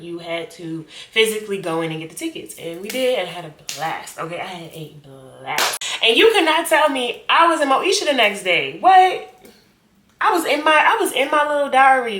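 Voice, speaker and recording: A woman, loose and chatty, with plenty of slang and laughter. Her voice sits in a middle pitch range. The sound bounces around an echoey room. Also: fairly bright tone. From Richmond, Virginia. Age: 20s. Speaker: vlogger. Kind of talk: casual get-to-know-me vlog.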